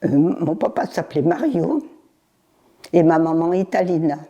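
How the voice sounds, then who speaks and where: Interviewee, woman in her nineties, low, mellow voice, halting, unhurried recollection. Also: expressive, dull audio. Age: 90s. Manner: halting, with pauses, fillers and repeated words. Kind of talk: recalling her childhood in an interview.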